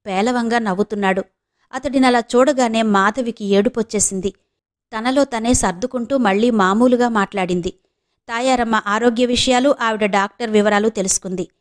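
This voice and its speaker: A woman from Andhra Pradesh narrating an audio novel, shifting her tone slightly for each character's lines. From Andhra Pradesh, India. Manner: reads the characters' lines with small shifts of pitch and pace.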